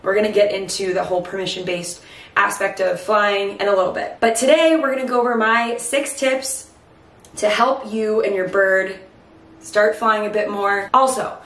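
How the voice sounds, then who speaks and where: A woman's voice: medium pitch, fairly even intonation, moderate pace, a bit bright, a little hiss or hum. Breathless woman in an echoey kitchen. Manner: chatty, explanatory. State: breathless from late pregnancy. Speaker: host of a pet bird channel. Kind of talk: casual instructional talk to camera. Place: home kitchen, indoors. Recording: echoey kitchen, distant mic.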